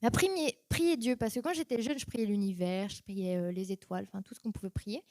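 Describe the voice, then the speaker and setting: A woman's voice: medium pitch, fairly quick, no room sound. Young woman telling her faith story. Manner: lively, acts out her own past reactions in quoted voices. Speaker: church member giving testimony. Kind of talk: personal testimony, storytelling.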